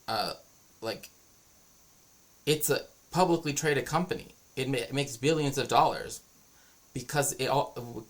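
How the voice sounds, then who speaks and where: Man, livestream talk, opinionated, rambling explanations, mid-pitched voice. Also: creaky. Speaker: streamer and cultural historian. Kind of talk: casual livestream monologue.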